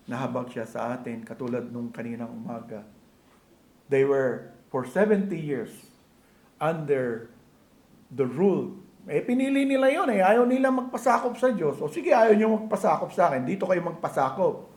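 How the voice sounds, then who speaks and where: Filipino male preacher, higher register, asks the congregation question after question, reverberant church sound. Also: darkish tone. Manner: switches between Tagalog and English, conversational preaching with rhetorical questions. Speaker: pastor. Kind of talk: sermon.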